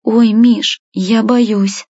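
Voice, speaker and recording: A woman voicing a timid, gentle young girl who speaks softly. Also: medium pitch, expressive, moderate pace, slightly rough, dry recording, pitched above the performer's own voice. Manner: soft, timid. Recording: dull, dry lo-fi recording.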